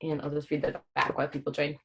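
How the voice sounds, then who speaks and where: A woman hosts a casual livestream, reading a children's book aloud in a low, monotone voice that's quick, creaky, fairly bright, and a bit breathy. She keeps things informal and simple, explaining hard words plainly for young listeners.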